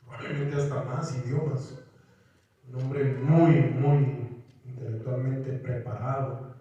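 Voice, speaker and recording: A man preaching a sermon to his congregation, animated, raising his voice as he acts out scripture. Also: medium pitch. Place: church sanctuary. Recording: echoey church hall, mic at a distance.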